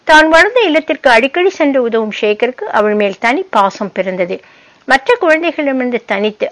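A woman reading a short story aloud in calm, measured storybook narration. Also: on the high side. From United States (Boston). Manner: calm, measured storytelling, voicing the characters' lines.

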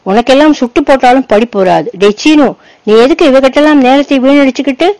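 A woman's voice: high voice, brisk, no room sound, voice pushed up, low-quality recording. Angry bully schoolboy, sneering, raised voice, read by a woman. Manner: sneering, shouting.

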